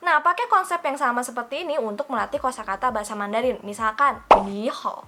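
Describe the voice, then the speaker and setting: A young woman gives a casual language lesson to her viewers. Her voice sits high and sounds bright and forceful. She chats along, calls herself by her own name and keeps asking rhetorical questions. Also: quick pace. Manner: chatty, asks listeners rhetorical questions. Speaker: Mandarin teacher.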